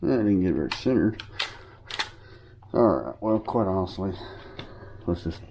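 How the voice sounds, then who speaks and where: Over a noisy background, a man with a low, creaky voice and lively intonation talks a little slowly. He's a hobbyist showing off his equipment in an informal, rambling way, full of fillers and self-corrections, sniffling slightly from a cold.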